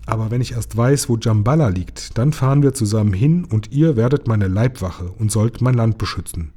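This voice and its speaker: A man reading aloud, voicing a clever young boy prince in a quiet, earnest way in his own voice. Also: on the low side, animated, moderate pace, breathy edge.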